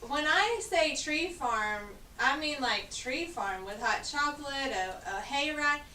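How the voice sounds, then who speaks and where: A Southern woman chats brightly as a church podcast co-host, her voice high and playful. She laughs easily and keeps the talk light. She is heard in an echoey room with the mic set back and faint noise behind her. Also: lively intonation, measured pace, far from the mic. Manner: chatty and playful, laughs often. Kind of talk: casual chat.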